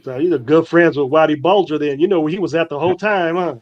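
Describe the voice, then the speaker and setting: A man with a fairly high voice co-hosts a casual sports podcast. He teases the others, repeats his lines and keeps saying "bro". His audio sounds dull and lo-fi, with faint music behind him. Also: fast talker, no echo. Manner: teasing, repeats himself, says "bro". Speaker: podcast co-host.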